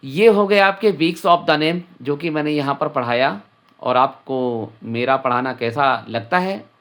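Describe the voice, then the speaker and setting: Slow, patient male teacher spelling aloud. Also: medium pitch, fairly bright tone. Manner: spells words out letter by letter, repeats each word; addresses children directly. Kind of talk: children's English lesson.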